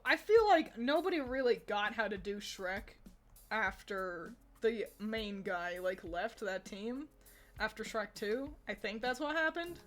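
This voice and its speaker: Woman streamer, higher voice, loose and giggly casual chat with her audience. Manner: rambling and giggly, laughs often between thoughts.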